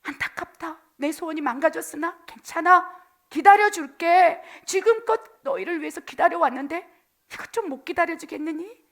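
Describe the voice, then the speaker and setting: A woman preacher voicing a patient, tender God who gently promises to wait for his people. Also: extremely high pitch, a little fast, pitched above the performer's own voice.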